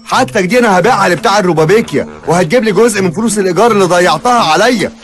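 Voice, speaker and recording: A man doing a gruff old Egyptian landlord. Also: high voice, rapid-fire, over music, natural voice. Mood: angry. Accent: Egyptian Arabic. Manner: scolding and blunt. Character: grumpy older male landlord, stingy and short-tempered. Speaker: cartoon character.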